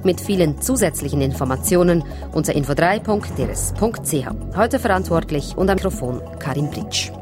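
A woman presenting the radio news, reading in a measured, formal way. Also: deep voice, expressive, music in the background.

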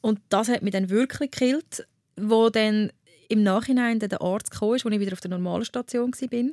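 A guest with a Swiss German accent candidly tells a personal story in conversation, laughing as she goes and restarting often. Her medium-pitched voice is brisk and darkish, recorded with clean studio sound and no echo.

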